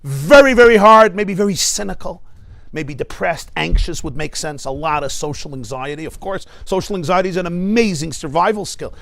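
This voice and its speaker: A middle-aged American rabbi gives an animated class, his voice sitting high for a man. He laughs often and throws questions to his listeners. The sound is dry and close, with no room echo. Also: normal speed, vocal fry. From United States. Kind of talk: lively spoken class. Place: synagogue study hall.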